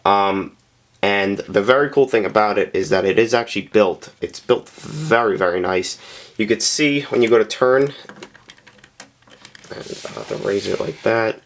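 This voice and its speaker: A man narrating a casual, unscripted review of a scale model, speaking plainly with frequent pauses and filler sounds. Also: on the low side, vocal fry. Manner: plain-spoken and candid.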